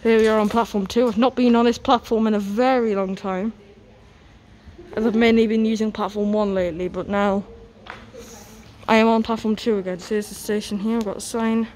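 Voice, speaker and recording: A young woman with a North East English accent hosts a train-spotting vlog from an outdoor station platform, speaking casually through a face mask that slightly muffles her mid-range, somewhat mellow voice. Fairly quick and evenly intoned, she announces train numbers and destinations over vehicle noise.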